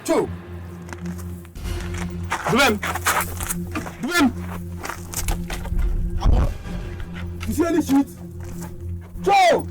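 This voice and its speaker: A man with a Nigerian Pidgin accent playing a rowdy young street guy who shouts and exclaims, over loud music. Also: a little high, a little fast, lightly acted.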